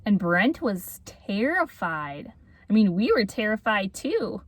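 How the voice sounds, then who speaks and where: A woman's voice: medium pitch, very animated, slow, dry recording. A young woman chiming in and adding details in a casual storytime chat. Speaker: vlogger.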